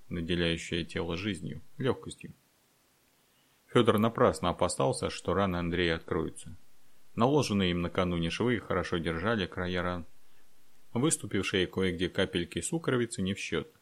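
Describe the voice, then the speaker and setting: A man reading an adventure audiobook in a steady, measured voice. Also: low-pitched. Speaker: audiobook narrator. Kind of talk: scripted narration.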